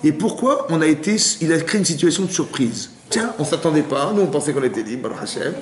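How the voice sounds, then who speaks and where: Fast-talking rabbi teaching a class. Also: male voice, fairly high pitch, sing-song, roomy sound. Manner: rapid, questioning, with acted cries. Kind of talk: lively interactive Torah lesson.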